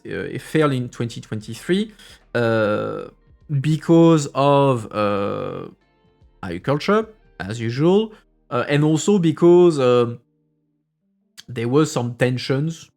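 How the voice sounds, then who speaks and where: A man's voice: mid-range voice, expressive, slow, creaky, a little mellow, faint music behind. A man streaming a casual review of news, reading articles aloud and then breaking into loose, sarcastic asides while he thinks aloud. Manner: hesitant, many fillers and restarts while thinking aloud.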